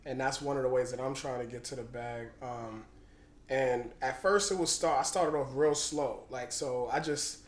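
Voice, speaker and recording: A man's voice: mid-range voice, moderate pace. A man talking casually as a podcast co-host in a slangy, loose, conversational manner. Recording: roomy, echoing sound.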